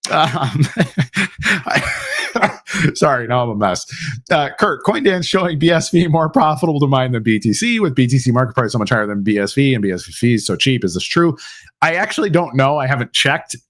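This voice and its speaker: A man's voice: mid-range voice, lively intonation, normal speed, a bit bright. A man hosting a live question-and-answer stream, talking casually with lots of fillers and restarts. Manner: casual, filler-heavy, mock-quotes opponents. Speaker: host. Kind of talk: livestreamed Q&A.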